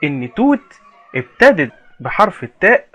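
A man's voice: high-pitched, very animated, a bit bright, soft background music. A man leading a children's reading lesson in a playful, questioning way, drawing out key words. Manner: playful, questioning, drawn-out emphasis for kids. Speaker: teacher.

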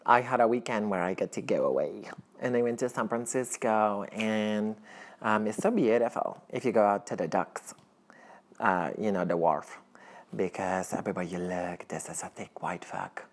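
Speaking at normal speed and only lightly acted, a young adult actor takes on the role of a naive Colombian teacher in an apartment kitchen for a deadpan comedy sketch. His English is earnest and broken, strongly accented with Colombian Spanish, and marked by sudden pitch jumps.

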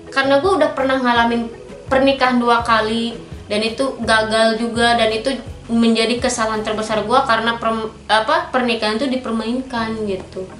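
A woman, speaking frankly and firmly as a guest about her own life. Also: on the high side. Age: 30s. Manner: frank and firm, many filler tags. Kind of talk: candid personal interview. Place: small indoor pink-decorated studio. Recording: roomy echo with faint background music.

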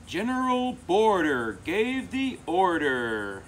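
Outdoors among palm trees, a middle-aged American man volunteers as a storybook reader, presenting and reading a children's picture book aloud. His high-pitched voice moves slowly with an expressive, emphatic delivery. Crickets and insects chirp throughout the outdoor recording.

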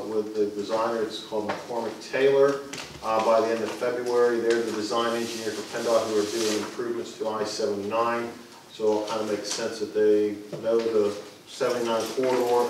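A man, the borough engineer, giving a matter-of-fact project report to council, halting now and then with fillers. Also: medium pitch. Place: council chamber. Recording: echoey room from far off with noise.

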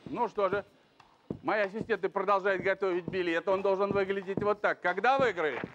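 A middle-aged man hosting a TV lottery draw as a bingo caller, calling numbers in a drawn-out, emphatic way. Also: high voice, steady tone, muffled recording, over music. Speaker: lottery show host. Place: large TV game show studio with audience. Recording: noisy old TV studio recording with clicks.

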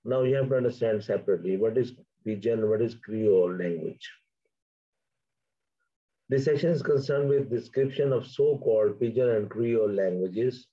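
Urdu-speaking guy lecturing on linguistics, lowish voice, kinda muffled lo-fi audio. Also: normal speed, warm tone, husky. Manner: reads from notes, then explains in plain asides. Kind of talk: academic lecture.

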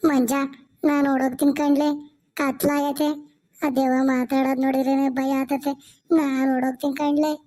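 A woman's voice: high voice, little pitch movement, normal speed, mellow, lightly acted. A woman voicing a timid, easily frightened village boy in a cartoon, with a rural Tumkur accent and a panicky, pleading tone. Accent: rural Tumkur Kannada.

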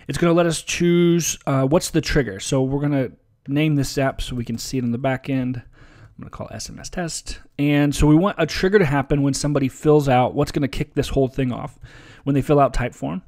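A man presenting a relaxed, casual software tutorial over a screen recording, with frequent ums and uhs. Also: medium pitch. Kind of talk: screen-share software walkthrough.

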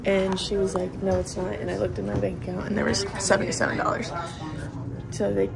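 A woman's voice: mid-range voice, monotone, fairly quick, vocal fry, over a noisy crowd. A young woman vlogging casually into her phone, chatty and giggly, recorded with background noise. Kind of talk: casual vlog chat. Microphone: phone camera.

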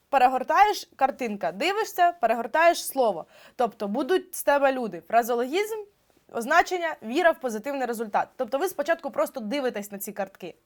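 A young woman with a slightly high voice gives a lively exam-prep lesson. She explains each point through examples and keeps talking with an easy, casual flow of fillers. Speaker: teacher.

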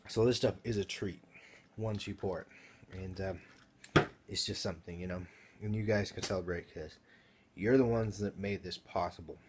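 A man's voice: deep voice, moderate pace, pauses often, noisy background. A young man hosting his own gaming channel, chatting casually and rambling with fillers, sometimes talking with his mouth full. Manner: laid-back, rambling with fillers, eating while talking. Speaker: YouTube gaming channel host. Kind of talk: casual vlog chat.

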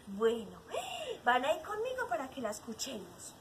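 A woman teacher in character as Mother Nature, telling a story to young children in an outdoor garden with lively exclamations. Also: on the high side, normal speed, noisy background. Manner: animated, exclamatory, sing-song.

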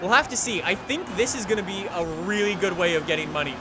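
A young man commentating a racing game let's play, excitable and energetic, sometimes breaking into shouts. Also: high-pitched, fast, background noise. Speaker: gaming YouTuber.

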